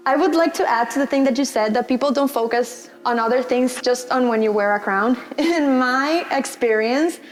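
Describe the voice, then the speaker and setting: A woman's voice: sits high, normal speed, hardly any pauses. Chatty young woman hosting a panel. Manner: friendly, chatty, loose and conversational. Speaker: host. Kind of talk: casual panel chat.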